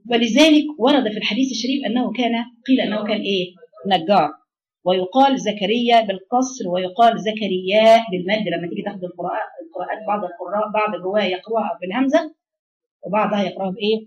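A woman's voice: mid-range voice, racing. A woman with an Egyptian accent giving a religious lesson, asking her listeners questions and answering them herself. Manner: animated, asks the class questions and answers them. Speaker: religious teacher. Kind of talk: Quran lesson in Egyptian colloquial. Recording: dull lo-fi recording.

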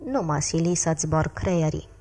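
A woman voicing a gruff, threatening middle-aged father who speaks curtly and menacingly in an audiobook. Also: on the low side, expressive, big-room sound. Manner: menacing, curt.

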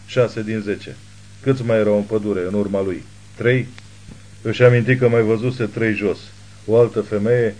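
A man narrating an audiobook novel with steady, measured reading. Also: fairly low pitch, rough recording. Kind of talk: scripted narration.

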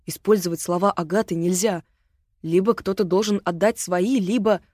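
A woman reading an audiobook voices an anxious young man speaking quietly and urgently. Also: on the low side, fairly even intonation, moderate pace, no room sound, studio quality, close to an everyday voice.

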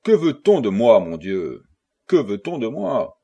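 A theatrical young widow with a plaintive, tearful voice, read by a man narrating a storybook. The voice is husky, and her tone is low and hushed. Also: expressive, a little slow. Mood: anguished. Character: jeune veuve blonde éplorée, théâtrale.

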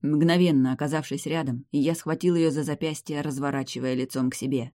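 Guy reading a fantasy audiobook, steady voice, super dry close mic. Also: fairly high pitch, fairly quick, no room sound. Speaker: audiobook reader. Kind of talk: first-person fantasy novel narration.

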